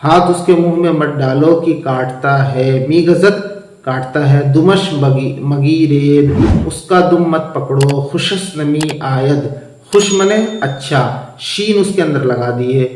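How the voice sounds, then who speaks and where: A man's voice: fairly high pitch, slow pace, a little mellow, reverberant, a little hiss or hum, low-quality recording. A man teaches a lesson patiently, reading from a textbook and explaining it line by line, asking questions and then answering them himself.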